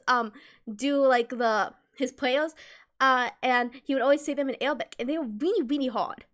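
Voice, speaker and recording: A young woman livestreams, chatting casually with her viewers in a high, bright voice with a forceful edge. Giggly and emotional, she laughs through her words and keeps restarting her sentences.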